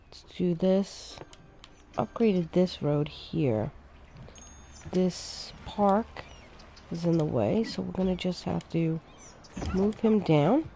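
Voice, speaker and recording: Slow, mellow woman narrating gameplay. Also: fairly low pitch, gravelly, slight background noise. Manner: relaxed, thinking aloud, unhurried. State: sleepy, yawning. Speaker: streamer playing a city-building game. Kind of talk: casual gameplay commentary.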